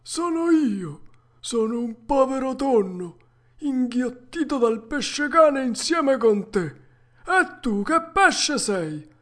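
A woman's voice: high-pitched, big pitch swings, pitched above the performer's own voice, full character voice. A woman voicing a resigned, philosophical old male tuna with a harsh, cracked voice, reading a storybook aloud. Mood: grim. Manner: slow, grave and sententious.

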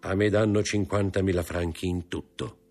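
A man voicing a grave, nervous older male impostor in an audiobook, with a husky voice. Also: deep voice, fairly even intonation, moderate pace, a little mellow, soft background music. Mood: formal. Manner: grave, stiff, formal.

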